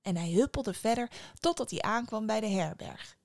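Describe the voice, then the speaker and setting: A woman narrating a fairy tale with a lively, expressive reading. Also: medium pitch, normal speed. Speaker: storyteller.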